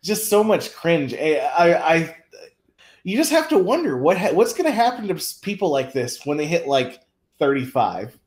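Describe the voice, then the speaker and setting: A man's voice: a little high, big pitch swings, moderate pace, darkish tone, reverberant. A man co-hosting a casual livestream chat, offhand and mocking in tone. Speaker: co-host.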